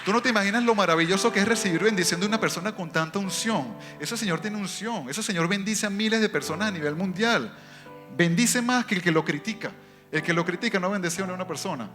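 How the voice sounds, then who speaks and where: A man with a foreign accent and a slightly raised voice tells his church testimony as a story. He moves between quick and drawn-out phrases. Faint instrumental music plays in the background. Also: sits high, sharp tone. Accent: foreign accent in Spanish. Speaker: church member giving testimony.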